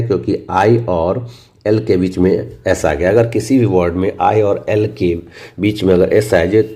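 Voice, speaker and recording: A middle-aged man teaching a spoken English lesson, explaining slowly and repeating each point, asking and answering his own questions. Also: low voice, mellow.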